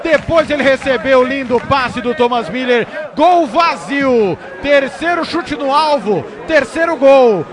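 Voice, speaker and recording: High-pitched Brazilian man commentating over crowd noise. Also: animated, unhurried. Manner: emphatic, raised voice. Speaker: football commentator. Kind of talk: emphatic live football commentary and analysis. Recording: crowd noise and ambience behind voice. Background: stadium crowd.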